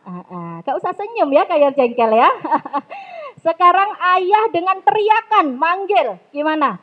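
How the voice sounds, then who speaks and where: A woman leading a public speaking training in a mosque hall, coaxing her audience and telling stories in a lively way. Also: very high-pitched, measured pace. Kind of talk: interactive training talk with storytelling. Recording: dull lo-fi recording.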